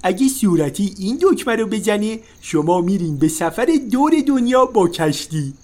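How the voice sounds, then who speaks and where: Guy putting on a pink lamp demon, high voice, bouncy, calls himself by name. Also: lively intonation, a little mellow. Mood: eager. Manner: speaks of himself in third person. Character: pink male genie-demon from a lamp, eager newbie. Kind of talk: storybook narration.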